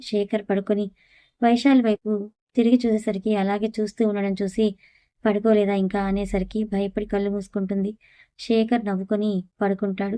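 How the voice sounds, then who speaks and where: A woman narrating a family audio story, reading every character's lines and the narration in one even voice. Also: medium pitch, dry recording.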